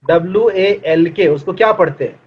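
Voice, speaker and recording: Male teacher, high-pitched, muffled lo-fi recording; patient online lecture with questions to students. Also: husky. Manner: explains in Hindi, reads English lines slowly; asks students questions as if in class. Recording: dull lo-fi recording.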